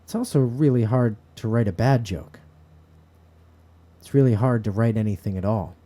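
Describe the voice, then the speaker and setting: A man's voice: lowish voice, moderate pace, dark tone. A man speaking to camera in a bedroom, giving an earnest, reflective, philosophical monologue. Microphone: camera set up in front of him.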